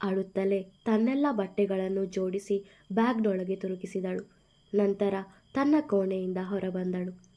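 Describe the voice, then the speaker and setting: A woman storyteller narrating a serialized love story in a calm, even reading voice. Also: mid-range voice, measured pace.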